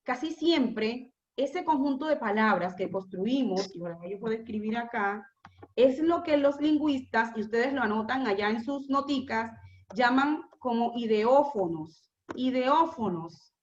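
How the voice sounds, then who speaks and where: A woman lectures a class in a high, bright-pitched voice. She explains patiently, slows down to repeat key terms and checks in with rhetorical questions. The room rings with echo, and the recording sounds a little dull and lo-fi. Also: lively intonation, slight background noise. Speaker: teacher.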